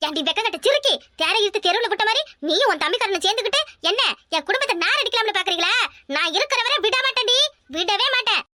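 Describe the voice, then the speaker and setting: A woman's voice: sharp tone, slight background noise, heavily acted. A woman voicing a fierce, cursing village mother-in-law in a cartoon, with a southern Tamil accent from the Tirunelveli area. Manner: shrill, cursing, wailing laments.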